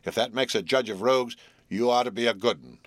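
A man reading aloud and voicing a gruff, surly old journeyman who growls his lines. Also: mid-range voice, quick pace, fairly bright tone, no room sound, close to an everyday voice. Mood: growling.

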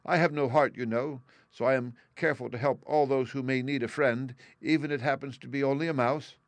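A man voicing a gentle, kind tin man who speaks politely and earnestly. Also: mid-range voice, fairly even intonation, fairly quick, dry recording, voice pushed up, natural voice.

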